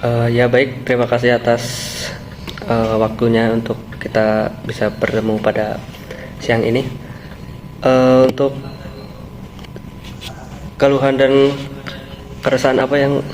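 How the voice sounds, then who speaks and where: A young man leads a role-play meeting as the boss, his delivery hesitant and full of fillers. His voice stays flat and level, with faint noise behind it. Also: medium pitch, measured pace, pauses often. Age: young adult. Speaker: company boss leading a meeting.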